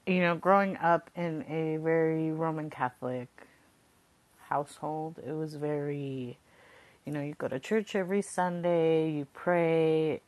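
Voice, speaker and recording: A young woman from the Coachella Valley in Southern California reflects casually as a podcast speaker, her voice low and darkish. Her informal, conversational talk is peppered with "like" and the tag "right?"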